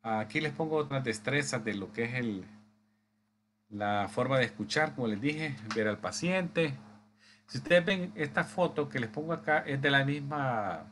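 A man lecturing medical assistants from slides, speaking haltingly with many restarts and frequent tag questions. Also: mid-range voice, lively intonation, a bit bright, slight background noise. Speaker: instructor.

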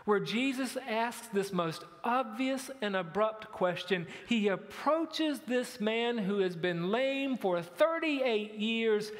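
Male pastor, high-pitched, unhurried sermon delivery, echoey church sound. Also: lively intonation. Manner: storytelling preacher, building to emphatic questions. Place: church sanctuary.

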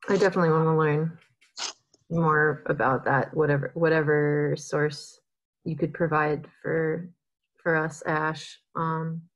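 A young woman facilitating a video call workshop, measured and appreciative. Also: sits low, steady tone. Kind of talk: facilitating a discussion. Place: indoor home with plants. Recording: dull lo-fi video call audio.

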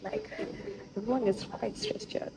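A woman's voice: on the high side, big pitch swings, normal speed, gravelly, poor audio. A woman vlogging on her phone in casual chat, talking loosely with lots of fillers. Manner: chatty, filler-heavy talk with many "like"s. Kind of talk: casual selfie vlog. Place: busy hospital ward. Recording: busy hospital crowd noise behind.

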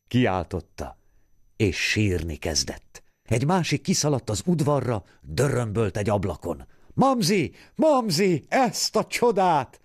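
A man reading a literary story aloud as an audiobook narrator, bringing quoted women to life with raised, lively voices. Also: fairly low pitch, no echo, studio quality.

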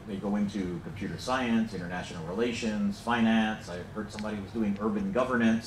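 A middle-aged program director from the United States delivers a casual, joking welcome to an audience in a large lecture hall, his somewhat low voice peppered with fillers. Filmed from the back of the roomy hall as he talks into a handheld mic, he sounds distant, with slight background noise.

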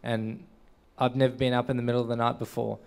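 Gravelly earnest Australian man. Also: medium pitch, level tone, fast talker. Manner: earnest, repeats "and" often while searching for words. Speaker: Paralympic sailor, honoree. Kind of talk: stage interview. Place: event stage. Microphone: handheld mic.

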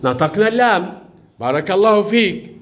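A male primary school teacher with a strikingly high voice quizzes young pupils in classroom style, praising correct answers and gently scolding those who wander off. He stays patient, speaking briskly with lively intonation.

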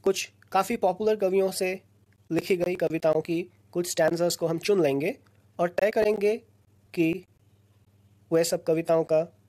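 A woman teaching a recorded lesson, explaining slowly and patiently in short phrases with pauses between them. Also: on the low side, steady tone, dark tone. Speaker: lecturer.

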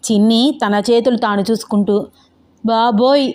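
A woman narrating a romance audio novel in an expressive, even storytelling manner. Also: medium pitch, moderate pace.

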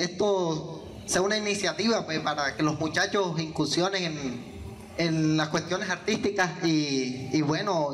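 This guest musician is a young adult man from Venezuela with a high-pitched, fairly bright voice. Answering interview questions into a handheld mic in an indoor hall with yellow walls, he hesitates often, using many fillers and restarting sentences. Slight background noise is present.

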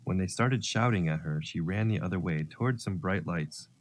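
A man narrating a children's story, gentle and expressive. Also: deep voice, moderate pace.

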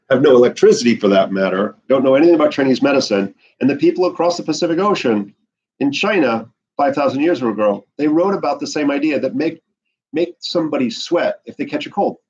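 A middle-aged man from the Bahamas lectures an herbalism class with animated, restless energy. His voice is a bit husky and sits mid-range. It comes through a floor camera in a classroom, with dull, lo-fi sound. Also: mid-range voice, brisk. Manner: animated, gesturing a lot while pacing. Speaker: herbalism teacher. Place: indoor classroom with whiteboard. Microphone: far camera on the floor.

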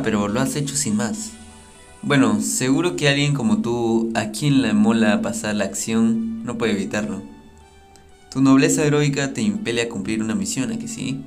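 A man's voice: medium pitch, lightly acted. A man reading out a sly blackmailer's lines from a game's phone call, in a taunting, smug way. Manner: taunting, smug, reads game text aloud. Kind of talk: reading game dialogue aloud.

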